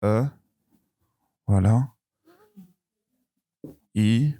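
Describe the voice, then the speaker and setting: A man teaching a beginner pronunciation lesson, speaking very slowly and carefully, repeating each word and stretching the vowels. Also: lowish voice, warm tone, no echo. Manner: very slow, careful, repeating words and drawing out vowels. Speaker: French teacher.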